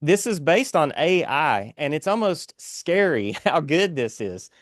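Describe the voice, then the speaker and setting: A man's voice: a little high, very animated, measured pace, no echo, studio quality. A man with an Appalachian accent speaking as a guest author in an earnest, inspirational interview, exhorting like a preacher.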